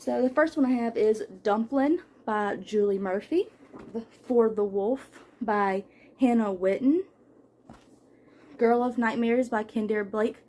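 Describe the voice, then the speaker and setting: A woman's voice: a little high, a little mellow. Chatty woman listing her books. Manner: chatty, listing titles with fillers and small laughs. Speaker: book vlogger. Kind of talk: casual book haul chat. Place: home room with bookshelves.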